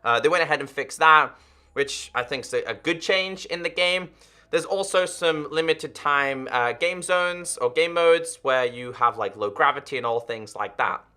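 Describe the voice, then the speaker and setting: A gaming YouTuber in his twenties speaks earnestly and directly to his viewers in a direct-to-camera gaming video. His voice sits a little high for a man and carries a crisp, forceful edge, at normal speed.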